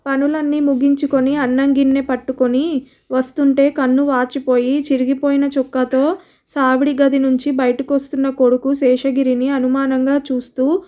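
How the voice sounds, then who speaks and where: A woman storyteller reading a scripted story in a steady, even way. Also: high voice, moderate pace.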